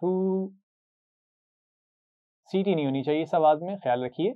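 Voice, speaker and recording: A man's voice: a little high, quick pace. Patient male Quran teacher, tinny sound. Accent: Urdu-speaking, Pakistani. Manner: patient, drills short syllables for students to repeat. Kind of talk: classroom lesson with drills.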